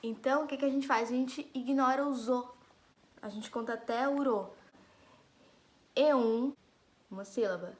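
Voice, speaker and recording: Talking brisk and fairly high-pitched, a woman teacher delivers a recorded lesson in a chatty, explanatory style, emphasizing syllables one at a time and addressing her students directly. The room is echoey.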